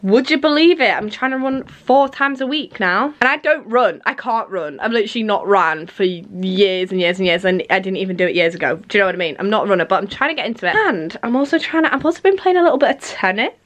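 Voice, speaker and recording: A woman's voice: medium pitch, fast talker, hardly any pauses, fairly bright tone. A woman in her twenties chatting casually to camera at home in a rambling, self-mocking way. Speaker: vlogger. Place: at home, indoors.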